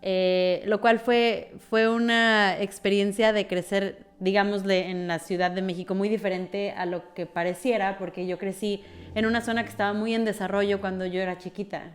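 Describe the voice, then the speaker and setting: A woman's voice: medium pitch, level tone, moderate pace. A woman with a Mexican Spanish accent, a podcast guest who talks freely and thinks aloud with frequent fillers. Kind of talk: conversational interview.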